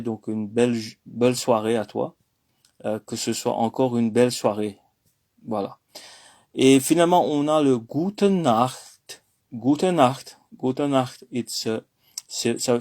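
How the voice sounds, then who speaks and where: A man giving a casual spoken language lesson, hesitant, with many fillers and self-corrections, repeating words slowly for practice. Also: medium pitch, a little mellow. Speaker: language teacher.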